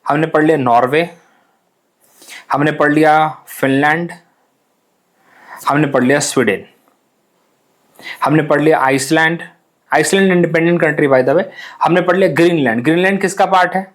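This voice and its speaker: A man's voice: on the high side, normal speed, pauses often. A young man teaching a casual exam-prep map lesson, chatty and repetitive, often mixing in English words. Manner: chatty, repeats phrases, mixes English words.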